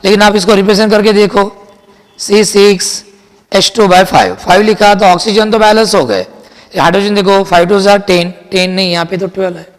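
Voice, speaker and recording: A man teaching chemistry in a classroom lecture, mixing Hindi and English, asking and answering his own questions and repeating key sentences slowly for dictation. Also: high voice, in a large hall. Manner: addresses students as children, asks and answers his own questions.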